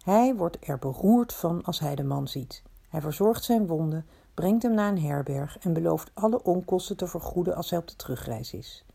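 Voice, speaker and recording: A woman's voice: fairly low pitch, expressive, normal speed, gravelly, warm tone, slightly rough. A woman telling a story in the first person, in a reflective, confiding way that often asks itself questions.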